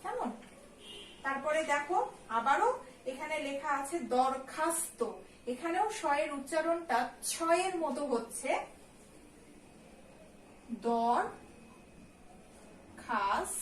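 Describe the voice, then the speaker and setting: A woman, a college teacher, giving a recorded lesson. She explains slowly, step by step, and keeps checking in with her students. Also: high-pitched. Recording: echoey room, distant mic, faint ambient noise.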